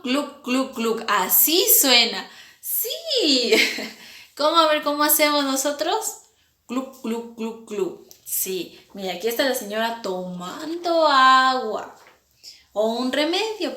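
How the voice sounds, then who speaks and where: A woman teaching young children about sounds, imitating each one in a slow, sing-song way. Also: a little high, sharp tone. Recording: echoey room.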